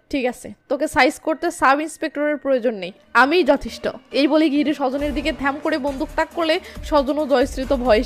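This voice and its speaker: A woman with a high, light voice tells a film's story as a recap narrator. She reads every character's lines in her own voice, keeping the storytelling lively.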